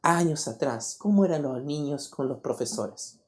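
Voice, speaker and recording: A man, preaching a sermon as pastor. He talks in an animated way and keeps asking the congregation rhetorical questions. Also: on the high side, normal speed. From Paraguay. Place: church.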